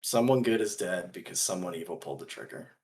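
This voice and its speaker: A man playing a principled, earnest gunslinger in a tabletop role-play, speaking deliberately in halting phrases. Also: low-pitched, animated, darkish tone. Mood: earnest, resolute.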